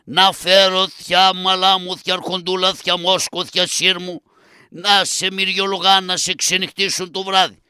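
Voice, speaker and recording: Man voicing a slow, sighing old shepherd uncle for a shadow-puppet play; bright, clean tenor with a dry sound. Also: high voice, flat delivery, clean tone, no room sound. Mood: tender. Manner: rustic village speech with drawn-out sighs. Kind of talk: traditional shadow-puppet theatre.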